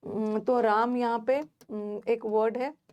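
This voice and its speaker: Woman teaching grammar, slightly high voice. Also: steady tone, measured pace, darkish tone, lo-fi sound, a little hiss or hum. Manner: explains step by step, repeats key words, asks the class questions. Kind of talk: classroom grammar lesson.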